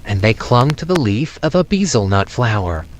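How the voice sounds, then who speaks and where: A man narrating a rhyming children's storybook in an expressive, theatrical read-along style. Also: mid-range voice, moderate pace, a little hiss or hum, poor audio.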